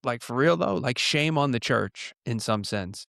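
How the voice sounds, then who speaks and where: A man's voice: medium pitch, unhurried, gravelly, no room sound, studio quality. Earnest man in his thirties from New York. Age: 30s. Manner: earnest, storytelling, lively. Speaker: pastor guest. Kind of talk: casual conversation.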